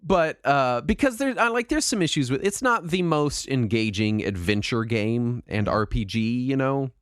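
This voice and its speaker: A man hosting a podcast in casual, jokey, self-deprecating chat, his throat raspy from a cold. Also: mid-range voice, lively intonation, normal speed, no echo, studio quality. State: sick with a mild throat cold and cough. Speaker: podcast host.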